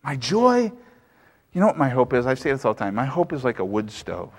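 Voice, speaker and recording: A man's voice: mid-range voice, very animated, a little fast. A man preaching a sermon as pastor, emphatic and full of rhetorical questions. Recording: long hall reverb.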